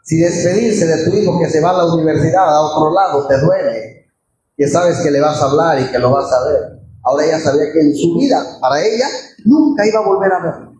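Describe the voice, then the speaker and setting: A man's voice: on the high side, brisk. A man preaching a sermon, telling a story with feeling and asking the congregation rhetorical questions. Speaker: pastor. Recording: very echoey church with faint room noise.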